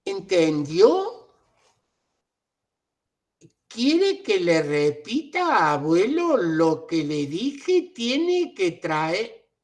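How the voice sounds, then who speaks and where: Guy playing a clerk talking down slow like to a kid, lots of pitch swings. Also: sing-song, full character voice. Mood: condescending. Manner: condescending, overly slow and loud. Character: patronizing office clerk talking down.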